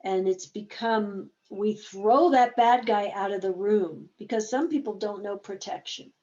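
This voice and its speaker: A woman therapist hosting a webinar, explaining her methods slowly and casually. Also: medium pitch, dark tone, lo-fi sound.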